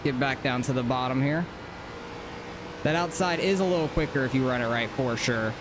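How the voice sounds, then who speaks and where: While sim racing, a man thinks out loud in casual, informal live commentary, his voice medium in pitch and his pace moderate. Engine noise from the racing game's car sits behind what he says.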